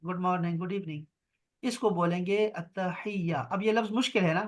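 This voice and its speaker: A man teaches an online grammar lesson over a video call. His voice sits fairly high, and he keeps a patient, reassuring manner, drawing out and repeating each word. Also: steady tone.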